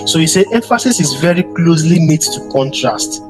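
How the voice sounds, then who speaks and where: Male instructor, slightly high voice, halting lecture, music bed loud under him. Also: lively intonation, rough recording. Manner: repeats words and restarts, addresses students directly. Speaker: design instructor. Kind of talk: classroom lecture on slides. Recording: voice over strong background music.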